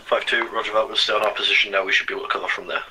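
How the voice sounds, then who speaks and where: Brief: man on a walkie talkie, low voice, very fast clipped radio procedure, heavy gunfire behind. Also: steady tone, very noisy. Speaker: squad leader in a military game. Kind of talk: terse military radio reports.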